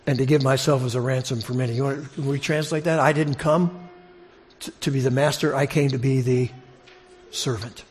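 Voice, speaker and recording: Questions for the listeners and repeated phrases for emphasis run through this preacher's conversational expository sermon to his congregation. He speaks at a normal speed in a mid-range voice with fairly even intonation.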